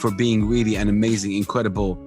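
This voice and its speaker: A man hosting a casual interview over a video call, animated and friendly, using Arabic greetings. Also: lowish voice, quick pace, faint music behind. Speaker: podcast host.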